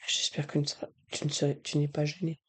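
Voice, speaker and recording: Man, slightly high pitch, breathy, soft-spoken ASMR, addressing the listener directly. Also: monotone, quick pace. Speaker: ASMR video creator.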